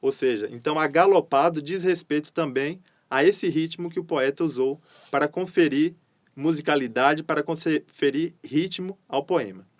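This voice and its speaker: A man with a Brazilian Portuguese accent teaches a poetry lesson in a measured, explanatory way and reads poems aloud with strong rhythm. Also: a little high. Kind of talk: lecture with poetry readings.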